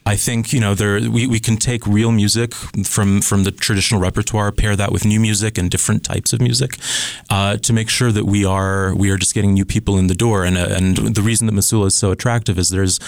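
Eager low-voiced man in a dry studio. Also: flat delivery, fairly quick, creaky, no room sound. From born in Scotland, raised in Switzerland. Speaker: conductor candidate, interview guest. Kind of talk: casual radio interview. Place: radio studio.

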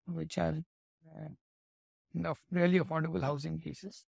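A man's voice: fairly high pitch, level tone, normal speed, gravelly, a little mellow, slightly rough, dry recording, clean studio sound. A man with an Indian English accent answering business interview questions in an explanatory way, sometimes correcting himself mid-sentence. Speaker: company executive, interview guest.

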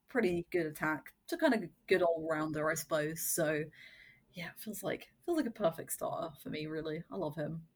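Woman on a podcast panel, kinda low voice, gushy, says like a lot. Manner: gushing, lots of "like" and "um". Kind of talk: casual podcast chat.

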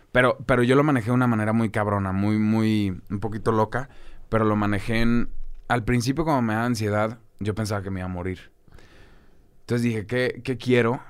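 Young Mexican male guest, low smooth voice, candid slangy storyteller. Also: fairly even intonation, brisk. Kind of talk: casual conversational interview.

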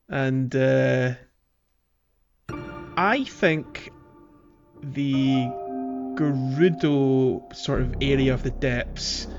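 A man co-hosts a casual podcast about a video game, talking loosely and chattily with many fillers and restarts. His voice is on the high side, and the recording is muffled.

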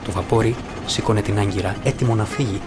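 A man narrating an audiobook in a measured storytelling manner over faint guitar music. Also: fairly low pitch. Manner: measured storytelling, voicing characters. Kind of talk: scripted narration of a book.

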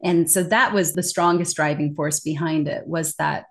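A woman with a low-pitched voice speaks at normal speed in a conversational interview. She's a communication trainer, animated and emphatic, and laughs often.

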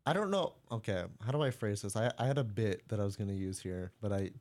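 A man's voice: on the low side, fast talker, a little mellow. A man co-hosting a casual sports podcast, joking and laughing as he rambles. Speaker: podcast co-host. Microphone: studio mic.

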